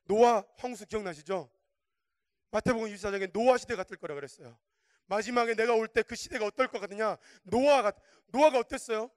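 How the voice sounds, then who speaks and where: A man preaching a sermon as a guest speaker, chatty and colloquial, swinging from hushed asides to fervent shouts. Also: sits high, quick pace, no echo, studio quality. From Korea.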